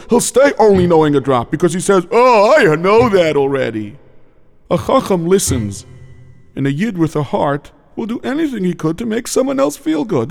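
A man voices an old rabbi grandfather with a gravelly, high, lively voice, patiently telling a story to the children. It is a children's audio drama, and soft music runs underneath. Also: heavily acted. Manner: gentle storytelling, sprinkled with Yiddish and Hebrew words. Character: elderly grandfatherly male rabbi, warm and teaching.

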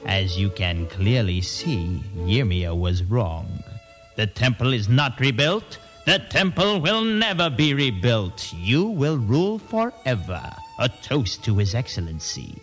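An actor playing a scheming male royal advisor who flatters in a smooth, self-assured way. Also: mid-range voice, measured pace, soft background music. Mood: smug. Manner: oily, flattering, coolly confident.

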